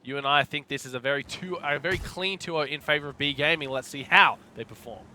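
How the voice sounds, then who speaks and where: Bright, blunt male esports co-caster. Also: fairly high pitch, quick pace, slight background noise. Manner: casual, joking, blunt. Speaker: esports co-commentator. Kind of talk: live esports color commentary.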